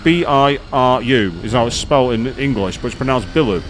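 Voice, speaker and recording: A man's voice: mid-range voice, a little fast, a little hiss or hum. A man chatting casually on a live gaming stream, rambling with many fillers and restarts as he explains things to viewers.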